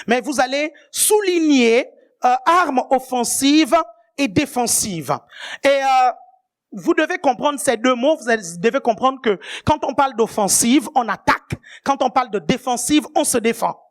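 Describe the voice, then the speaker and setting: Woman, preacher, sermon, high voice, emphatic, checks in with the congregation, shouted high points. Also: lively intonation, measured pace.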